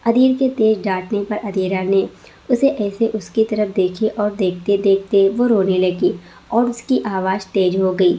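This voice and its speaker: A woman narrating a scripted story as a storyteller, in an even, expressive manner. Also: medium pitch, measured pace.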